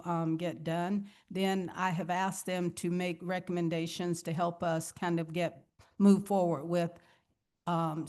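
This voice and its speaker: A woman, the city manager, answering commissioners' questions in a measured, explanatory way at a public meeting. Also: fairly low pitch, a little mellow.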